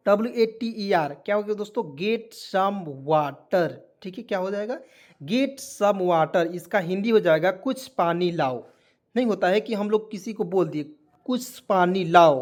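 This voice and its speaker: Hindi tutor spelling English words slowly. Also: male voice, high voice. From rural India. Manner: spells letters out and repeats meanings slowly, keeps asking "okay?". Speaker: English teacher.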